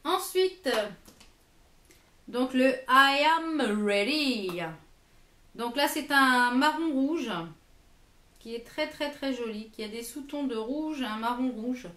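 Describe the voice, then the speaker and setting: High-voiced French woman reviewing lipsticks. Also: slow pace, bright, forceful tone, echoey room. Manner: hesitant, many fillers and repeated words. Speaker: beauty vlogger. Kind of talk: product review.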